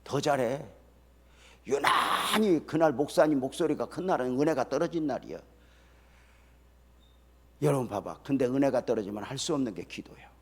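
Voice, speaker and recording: An older man, a retired pastor, preaching an early-morning sermon in a folksy storytelling way that swings from soft to loud. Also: medium pitch, animated, normal speed, pauses often, slightly rough, long reverb tail. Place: church sanctuary.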